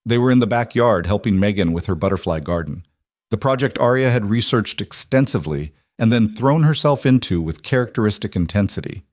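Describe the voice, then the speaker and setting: A man reads a scripted story in an even, measured way. His voice sits on the low side and the recording is dry and close. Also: dry recording. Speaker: narrator.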